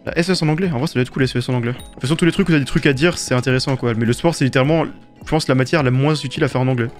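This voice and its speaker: A young French man chatting casually while gaming, quick and slangy. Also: medium pitch, soft background music. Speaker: gamer.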